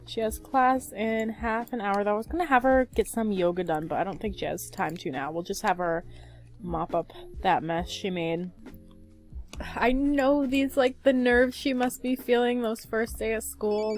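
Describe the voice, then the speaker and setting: A woman's voice: mid-range voice, a little slow, soft background music. A woman giving casual, chatty commentary over her life-simulation gameplay, laughing often and using many fillers. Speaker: let's play gamer.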